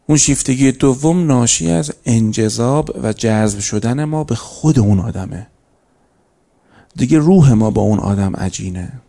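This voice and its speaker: A lecturer on religious ethics addresses a lecture hall crowd about faith and character, his medium-pitched voice expressive, mellow, and dark with a gravelly edge. Loose and conversational, he spins little stories and now and then climbs into pointed, emphatic peaks.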